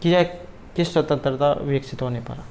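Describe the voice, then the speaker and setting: A man's voice: medium pitch, brisk, darkish tone, a little hiss or hum. A man tutoring for a Sanskrit exam, explaining each question and its answer option in a methodical way.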